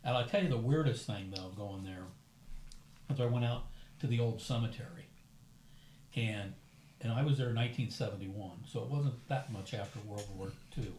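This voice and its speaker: An older American man hosts a dinner, chatting casually and telling stories in a relaxed way. His voice is fairly low and moves at normal speed, and the room echoes with faint background noise.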